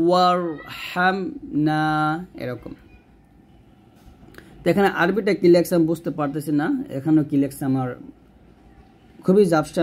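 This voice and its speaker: A man teaching Quran reading, explaining rules patiently and drawing out slow recited examples. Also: a little high, a little mellow. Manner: patient step-by-step explanation, asks and answers own questions.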